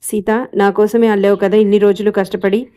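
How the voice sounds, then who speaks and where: A woman voicing a young husband in a storybook reading, asking his wife soft, concerned questions. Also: medium pitch, level tone, brisk, close to an everyday voice. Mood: grateful. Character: young husband, gentle and caring.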